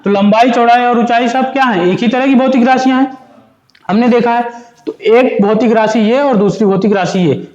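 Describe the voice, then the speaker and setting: A high-pitched male teacher gives a physics lecture, asking his students questions and answering them himself. The sound echoes in the room, and the recording is dull and lo-fi. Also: a little mellow. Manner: explains step by step, asks and answers his own questions; mixes Hindi and English terms. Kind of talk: classroom lecture.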